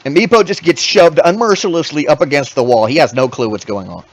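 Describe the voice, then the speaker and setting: A man acting as game master, narrating a tabletop game in an animated, rambling way full of restarts. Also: fairly high pitch, a little fast, background noise.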